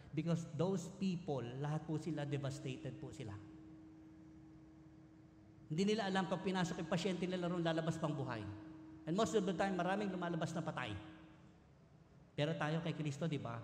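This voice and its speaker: A man's voice: on the high side, darkish tone, slight background noise. A man with a Filipino accent preaching a sermon, earnest and emphatic, moving between Tagalog and English. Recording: echoey hall with long reverb.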